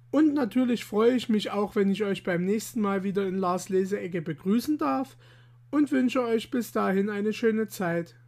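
A man hosting his own channel, reading a rhyming children's tale aloud with expressive, measured delivery and lively voiced quotes. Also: high-pitched. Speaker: children's storyteller and channel host.

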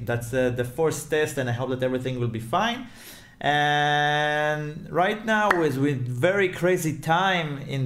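A man introducing a music tutorial in a loose, chatty way, his voice carrying a big hall-like echo from an untreated home studio. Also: medium pitch. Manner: loose, chatty, searching for words. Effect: strong room reverb like a big hall echo. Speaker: music producer and tutorial host. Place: new home studio without acoustic treatment, echoey room. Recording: reverberant untreated room.

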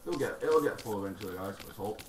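A man giving gameplay commentary, rambling and swearing, with sudden excited shouts. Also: lowish voice, quick pace. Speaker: gaming video creator. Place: room at a computer. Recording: roomy, distant mic, loud keyboard noise.

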